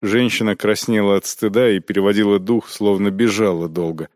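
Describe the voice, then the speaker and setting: Guy narrating an audiobook, deep-ish voice, dry close sound. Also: fairly even intonation, a little fast, darkish tone, no echo.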